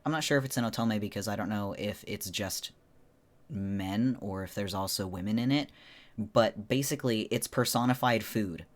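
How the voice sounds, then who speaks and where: A man's voice: lowish voice, moderate pace. A man streamer talking casually and informally to viewers on a solo livestream, in a rambling way.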